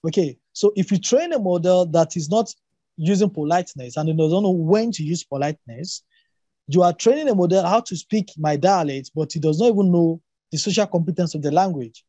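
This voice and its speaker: In a brisk academic discussion, a man who grew up with Yoruba argues his points emphatically, restating them and throwing out rhetorical questions. His mellow voice sits high for a male, and the close, dry recording has no room sound and a dull quality.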